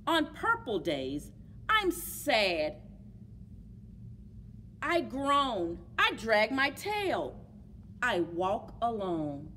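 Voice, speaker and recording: A middle-aged children's librarian hosts story time indoors among library bookshelves, reading aloud and leading sing-alongs for young children. Her voice is on the high side and very expressive, animated and encouraging, delivered extremely slowly with frequent pauses. The recording has clear background noise and room ambience.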